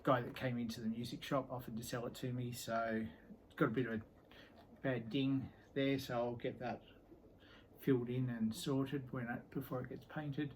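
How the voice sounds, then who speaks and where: A middle-aged man talks through his guitars in a relaxed, meandering way, often pausing on an um and letting sentences trail off. His voice sits in an ordinary middle pitch, and a faint hum of ambient noise lies under the recording. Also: poor audio. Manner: rambling and easygoing, with many ums and trailing sentences. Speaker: guitar collector showing his instruments. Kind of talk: casual show-and-tell vlog.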